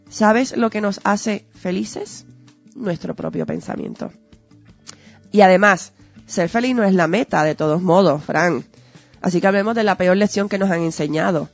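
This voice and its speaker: A woman's voice: medium pitch, vocal fry. Earnest teacherly woman. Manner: earnest, teacherly, full of rhetorical questions. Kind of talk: conversational explanatory talk. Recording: dull lo-fi audio with faint music.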